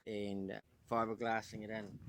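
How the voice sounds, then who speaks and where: A man's voice: on the low side, little pitch movement, moderate pace, noisy background. A middle-aged New Zealand man with a New Zealand accent hosts a casual do-it-yourself boat-repair vlog. He chats in an easygoing way and thinks aloud as he goes, sounding tired. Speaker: boat owner and channel host.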